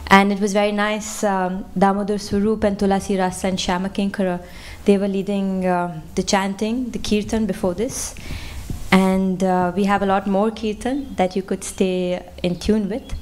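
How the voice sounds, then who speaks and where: A woman's voice: medium pitch, little pitch movement, normal speed, a little hiss or hum. Conversational woman giving a temple lecture. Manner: warm and conversational, with fillers. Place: temple hall.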